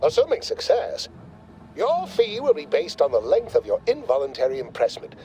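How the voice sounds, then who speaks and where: A pompous, lively corporate lab visionary. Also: male voice, a little high, normal speed, soft background music, low-quality recording. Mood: smug. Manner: verbose, condescending corporate jargon. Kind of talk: video game dialogue.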